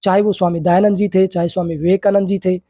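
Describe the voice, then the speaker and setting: Husky-voiced man lecturing students. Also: high voice, little pitch movement, mellow, dry recording, studio quality. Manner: reads English text slowly, then explains in Hindi with frequent tag questions; rhetorical questions to students. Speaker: yoga teacher.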